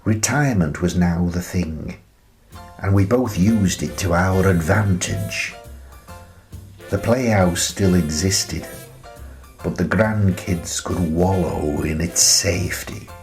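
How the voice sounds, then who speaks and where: A male actor plays a wistful retired teacher and grandfather in his sixties, telling his story in a reflective, measured radio play monologue with pauses between phrases. His voice sits low and a little mellow, over soft background music.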